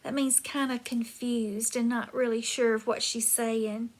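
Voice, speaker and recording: A woman's voice: fairly high pitch, level tone, a little slow. A woman teacher reading a chapter book aloud to her class, stopping to explain words and check in with her listeners.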